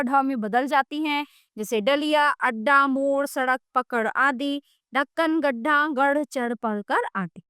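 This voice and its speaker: A woman teacher reads through a grammar lesson in a fairly high voice, and the recording is dry with no room sound. She reads the definitions steadily and slows down to sound out each letter and example word. Now and then she drops a short aside to the viewer. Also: fairly bright tone, no echo. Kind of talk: reading a grammar lesson aloud.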